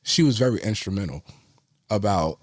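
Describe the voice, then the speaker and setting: Man, low voice, dry close mic; halting, agreeable podcast co-host. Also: expressive, breathy edge, no echo. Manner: agreeable, halting, repeats words when starting. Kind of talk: casual reality-TV gossip chat.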